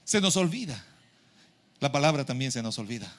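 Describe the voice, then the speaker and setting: A middle-aged man preaching a sermon as pastor in a church, animated and acting out his congregation's complaints. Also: mid-range voice, a little fast.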